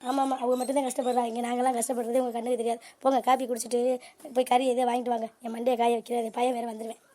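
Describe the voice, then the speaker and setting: A woman voicing a sharp-tongued, scheming middle-aged mother in a homemade cartoon, scolding her family. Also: on the high side, little pitch movement, rapid-fire, close to an everyday voice. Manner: scolding, bickering. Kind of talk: cartoon voice acting.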